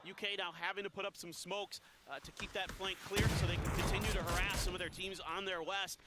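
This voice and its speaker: Guy casting a battle royale match, pretty high voice, gets hyped fast. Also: heavy background noise. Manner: energetic, rising when action heats up. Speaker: esports caster. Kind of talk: play-by-play commentary.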